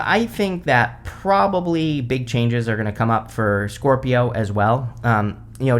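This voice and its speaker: A man giving an unscripted tarot reading in a casual, conversational way, rambling a little as he explains cards and speaks straight to the listener. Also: mid-range voice. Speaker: tarot reader, host.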